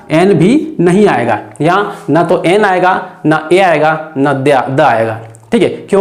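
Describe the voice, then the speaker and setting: An English grammar teacher gives an exam-prep lesson, asking the class questions and then answering them, repeating the key words. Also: medium pitch. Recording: echoey room.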